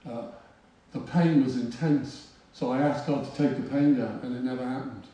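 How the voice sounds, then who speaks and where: A man's voice: medium pitch, normal speed, mellow, far from the mic. A man preaching, telling a personal story in a conversational, self-mocking way. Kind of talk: storytelling sermon. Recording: roomy hall, voice from off-mic.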